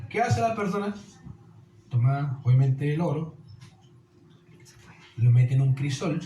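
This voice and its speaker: A man's voice: a little high, warm tone. A man preaching a sermon as pastor, earnest, often asking listeners rhetorical questions and calling them dear. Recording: echoey hall with faint noise.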